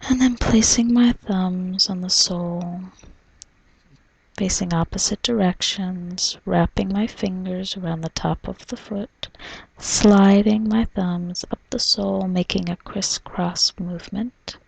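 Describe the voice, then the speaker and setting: A woman doing an ASMR role-play as a spa massage therapist, in a soft, soothing, breathy soft voice, narrating gently. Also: medium pitch, steady tone, slow pace, no echo, rough recording. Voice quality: breathy, mostly unvoiced soft voice. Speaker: reflexologist giving a foot massage.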